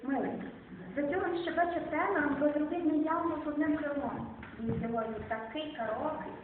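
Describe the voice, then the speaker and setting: A woman poet reading her own verse and translated poems aloud, in a slow, measured recitation whose lines often fall quiet at the end. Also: sits high, background noise. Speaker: poet reading at a club evening. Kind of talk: poetry reading. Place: club or small hall. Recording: distant, echoey phone-quality room recording.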